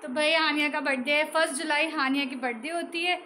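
A woman's voice: high-pitched, fairly even intonation, quick pace, noisy background. A young woman and mother chatting casually in a home vlog, talking in a loose, repetitive way. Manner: chatty, repeats herself, fills with "jo hai na". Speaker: vlogger and mother.

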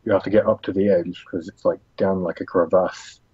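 A man narrating as game master in a relaxed way, thinking aloud with fillers. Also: deep voice, a little fast. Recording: dull lo-fi recording.

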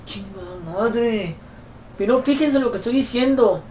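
A man's voice: moderate pace, darkish tone. Foul-mouthed Mexican man ranting, echoey room. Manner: profane, mocking, shrill put-on voices when quoting. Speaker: YouTuber answering fan questions. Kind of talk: crude comic rant. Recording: roomy echo, distant mic, faint noise.

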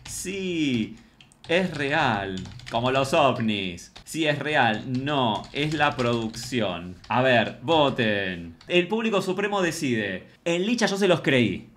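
A young man with an Argentine accent chatting excitedly to his viewers as he reacts to a reality show. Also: medium pitch, takes it slowly. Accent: Rioplatense Argentine Spanish. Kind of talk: casual reaction commentary.

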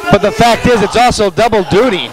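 A man's voice: high-pitched, lively intonation, brisk, a loud crowd. A man doing play-by-play commentary at a wrestling show, with dry, teasing banter.

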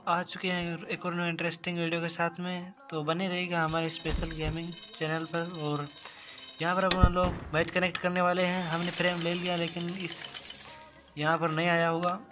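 A man hosting a gaming channel, talking casually through each shot of a mobile carrom match and calling the viewers "guys". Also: a little high. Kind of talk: casual gameplay commentary. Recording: game music loud behind the voice.

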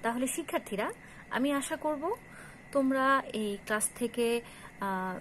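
A woman with a high voice teaches a grammar lesson as a college lecturer. She explains step by step and asks questions that she answers herself. A faint hiss sits under her voice. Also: lively intonation, normal speed.

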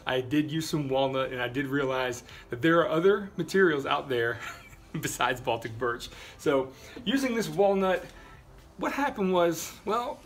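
A man in his thirties, the host of a woodworking channel, casually explaining a build in his home workshop. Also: on the high side. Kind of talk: tutorial voice-over and talk to camera. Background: background music.

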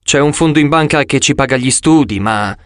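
A man's voice: mid-range voice, a little fast, fairly bright tone, no room sound, clean studio sound, close to an everyday voice. A man voicing a frightened, defensive twelve-year-old girl in an audiobook. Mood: wary.

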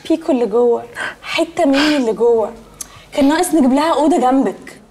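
An actress playing a catty, gushing young socialite with an Egyptian accent and affected English-sprinkled speech in a comedy series. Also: female voice, high voice, fast, a little mellow, a little hiss or hum, lightly acted. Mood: gushing, needling. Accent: Egyptian Arabic. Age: young adult.

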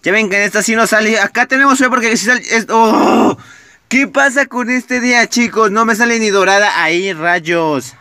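Talking straight to his audience, a young man with a Mexican Spanish accent runs through excitable, casual gameplay commentary peppered with swearing. His voice sits high, he keeps a moderate pace, and there's no room sound. He's a gaming YouTuber.

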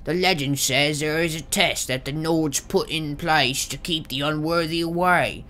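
A man's voice: fairly high pitch, steady tone, measured pace, sharp tone, voice pushed up. A man voicing a gleeful old treasure-seeking adventurer in a theatrical video game role-play. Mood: gleeful, portentous. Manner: theatrical, raised reading voice.

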